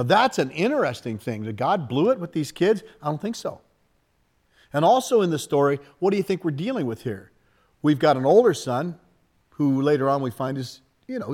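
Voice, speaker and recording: A man preaching a sermon in an emphatic, conversational way, often asking his listeners questions. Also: a little high.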